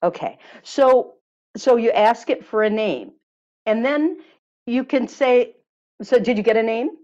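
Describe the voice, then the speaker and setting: A guest teacher on body healing, a woman with a slightly high, unhurried voice, tells a long healing story and then guides a listener through an exercise. She's a warm, lively storyteller who uses many fillers, and the sound is dull and lo-fi.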